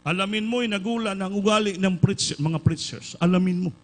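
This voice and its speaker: A man from the Philippines delivers a sermon, moving from an anecdote into loud, fervent calls to his listeners. His voice sits a little high for a man, and he switches into English phrases now and then. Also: brisk, poor audio. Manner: storytelling, building to loud fervent exhortation; mixes English phrases into Filipino preaching. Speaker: preacher.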